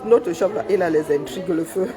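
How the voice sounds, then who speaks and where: A woman with a Cameroonian French accent who films her coworkers on her phone in a workplace break area. She talks loudly and teases them with joking banter. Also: fairly low pitch, brisk, a crowd in the background. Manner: loud, teasing, joking banter. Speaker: vlogger filming coworkers. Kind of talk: casual workplace vlog chat. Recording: coworkers chatting in the background.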